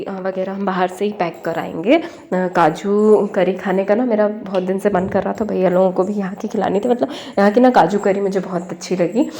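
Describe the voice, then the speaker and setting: A young woman vlogger with a slight cold chats in a homely, rambling way. Her voice sits at an ordinary middle pitch. She strings her thoughts together with soft fillers as she goes. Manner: chatty and homely, full of fillers like "na" and "matlab". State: has a cold. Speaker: home vlogger. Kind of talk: casual vlog chat.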